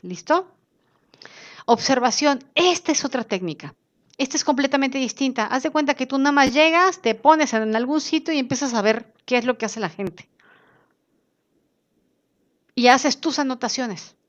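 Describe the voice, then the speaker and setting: A woman teaches an online class. She talks in a lively way and slips into other voices to act out the people she quotes. The recording sounds dull and lo-fi. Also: on the high side. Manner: lively, acts out quoted speakers in changed voices.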